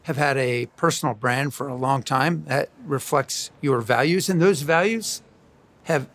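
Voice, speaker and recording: A man hosting an interview, asking questions in a measured, hesitant way with many ums and uhs. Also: medium pitch, fairly bright tone. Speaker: podcast host. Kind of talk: conversational interview.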